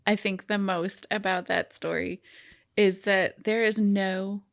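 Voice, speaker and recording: Gravelly-voiced woman podcast co-host. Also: medium pitch, steady tone, slow. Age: 40s. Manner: enthusiastic, laughs often. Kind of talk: casual chat.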